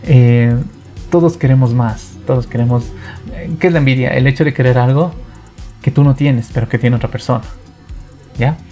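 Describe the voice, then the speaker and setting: Animated man teaching the Bible. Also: medium pitch, normal speed, long pauses, faint music behind. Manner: animated, asks rhetorical questions and acts out quoted speech. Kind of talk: casual Bible study talk.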